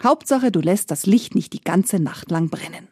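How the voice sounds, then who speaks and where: A woman voicing the soft, soothing Darkness. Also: mid-range voice, lively intonation, moderate pace, breathy edge, no echo. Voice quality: soft, half-whispered. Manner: soothing, tender. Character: the Darkness, a gentle female spirit.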